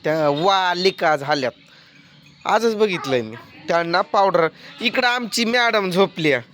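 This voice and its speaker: A man's voice: high-pitched, animated, measured pace, a bit bright. A man filming his family on a phone in a farmyard, scolding and teasing them in a blunt, casual way. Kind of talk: casual home vlog. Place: farmyard at home with animals. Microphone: phone camera.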